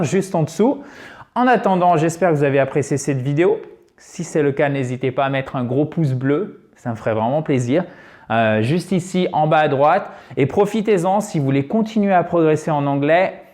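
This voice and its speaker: A man teaching an English grammar lesson on video, lively and chatty, often checking in with his viewers. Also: on the high side.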